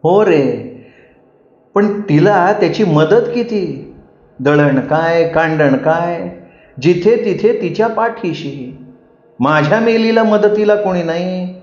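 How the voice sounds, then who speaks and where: A man voicing an elderly, sharp-tongued village mother who scolds and teases fondly, in a roomy, dull recording. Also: lowish voice, expressive, slow pace, pitched above the performer's own voice. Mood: complaining. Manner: scolding, teasing.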